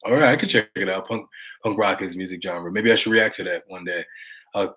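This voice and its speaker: A young American man talks straight to his livestream viewers in a loose, rambling way, with plenty of fillers. His voice sits a bit low. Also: a little fast, fairly bright tone, rough recording. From United States. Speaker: vlogger reading live chat. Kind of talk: casual livestream chat.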